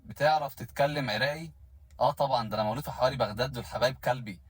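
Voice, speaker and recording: A man's voice: medium pitch, rapid-fire, husky, no echo, studio quality. A man with an Egyptian accent doing a comedy sketch, mocking dialects by stretching his words and switching between put-on voices.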